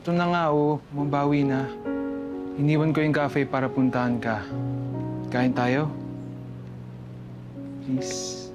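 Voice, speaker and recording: A man's voice: a little high, steady tone, normal speed, long pauses, music in the background, close to an everyday voice. An actor playing an apologetic businessman boyfriend who begs his girlfriend for time together in a television drama. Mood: pleading. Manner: soft, pleading, apologetic. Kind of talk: TV drama acting.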